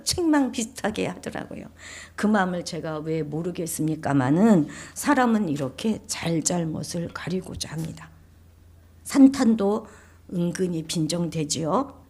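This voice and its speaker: Middle-aged woman, pastor, sermon, lively rising and falling pitch, loud declarations, hushed near-whispers. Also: measured pace, slightly rough. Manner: acts out quoted voices of critics and of God.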